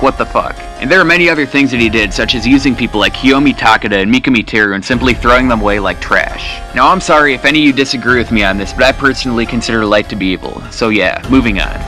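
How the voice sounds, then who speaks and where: A man delivers a scripted top ten countdown at a quick clip in a bright, forceful voice. He is blunt and opinionated and swears casually, with music playing behind him. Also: mid-range voice, rough recording.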